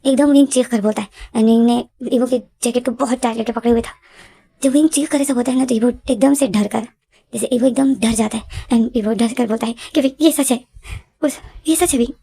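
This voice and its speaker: Mellow, fairly high-voiced woman storyteller. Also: gravelly, husky. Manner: repetitive, dramatic retelling. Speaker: fanfiction storyteller. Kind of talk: casual story narration.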